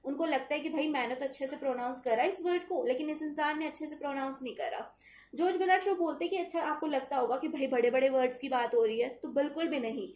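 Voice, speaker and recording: A woman's voice: sits high, fast, darkish tone, roomy sound. A woman teacher explaining a literary essay in a conversational way, with fillers and rhetorical questions. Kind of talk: explaining a text in a lesson.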